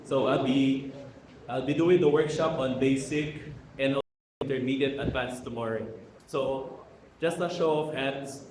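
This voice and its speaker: A man's voice: medium pitch, darkish tone, a little hiss or hum. Man teaching in an echoey hall. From Philippines. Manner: casual, code-switches with Tagalog fillers, asks the room questions. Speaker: Hokkien language instructor. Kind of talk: workshop lecture to a live audience. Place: large echoey room with audience.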